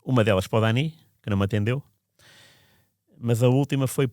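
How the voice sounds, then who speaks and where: A podcast storyteller, male, recounts events in a casual, reflective and meandering way, frequently restarting his sentences. His medium-pitched, warm voice moves a little fast, captured in a dry, clean studio recording.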